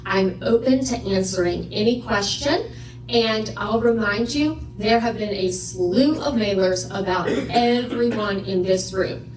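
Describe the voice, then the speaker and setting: A woman's voice: medium pitch, unhurried, slight background noise. Woman candidate, firm and direct, echoey room, far off the mic. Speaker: local candidate. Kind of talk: campaign speech.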